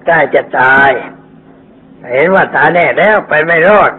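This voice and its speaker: A man's voice: fairly high pitch, moderate pace. An older man, a Buddhist monk, giving a folksy sermon and telling stories in plain speech. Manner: folksy storytelling, acting out quoted characters. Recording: tinny phone-like old recording with faint hiss.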